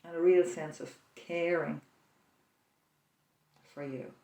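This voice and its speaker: Recorded far from the mic in a strongly echoing room, a prayer leader with a gravelly, medium-pitched voice leads a slow, imagined journey through a quiet scene. The tone is flat and gentle, with pauses for reflection.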